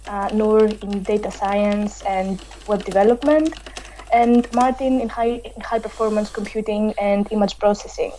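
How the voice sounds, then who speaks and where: A woman's voice: medium pitch, warm tone, slight background noise, low-quality recording. A woman hosting an online panel discussion over a video call, chatty with many fillers. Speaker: host.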